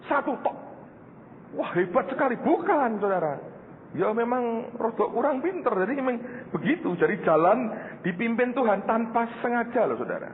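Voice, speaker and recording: Animated pastor in a hall. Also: male voice, high-pitched, slight background noise. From Indonesia. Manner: storytelling, joking, addresses the congregation as "saudara". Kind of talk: sermon. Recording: reverberant hall through a phone-like channel.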